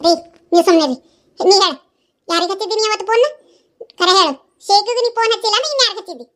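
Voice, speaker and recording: A woman's voice: extremely high pitch, rapid-fire, bright, forceful tone. A woman voicing a nagging middle-aged mother in a cartoon, scolding and mocking in a North Karnataka Kannada accent. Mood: interrogating.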